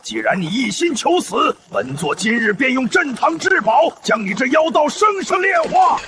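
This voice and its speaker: A man's voice: very animated, normal speed, noisy background. An actor playing an arrogant old male sect master who turns into a demon, speaking in a haughty, theatrical way. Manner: booming, haughty, theatrical shouting.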